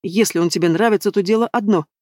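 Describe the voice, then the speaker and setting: A woman's voice: medium pitch, fast talker, warm tone, dry recording, studio quality, close to an everyday voice. A woman voicing a stern young woman in an audiobook who scolds her friend in a reproachful tone. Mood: scolding.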